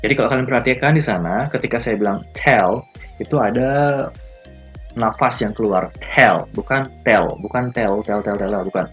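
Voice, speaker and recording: A man with an Indonesian accent teaching an English lesson, switching languages and repeating example phrases slowly for students to copy. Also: lowish voice, faint music behind. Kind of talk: recorded classroom lesson.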